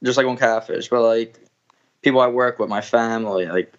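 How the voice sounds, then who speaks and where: A man's voice: mid-range voice, moderate pace. Man in his 20s, laid-back, rambling, muffled lo-fi recording. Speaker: interviewee. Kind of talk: casual chat.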